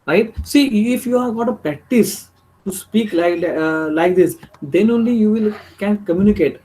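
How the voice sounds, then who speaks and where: Indian teacher drilling German pronunciation. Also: male voice, high voice, normal speed, warm tone, poor audio. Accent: Marathi-influenced Indian English. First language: Marathi. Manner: repetitive, drills phrases aloud, keeps checking with "right?". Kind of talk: online language lecture.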